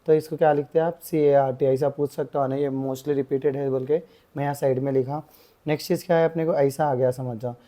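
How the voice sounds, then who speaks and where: Mellow young male tutor. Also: mid-range voice, steady tone. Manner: repeats filler phrases, stretches example words slowly. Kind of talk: explaining grammar lesson.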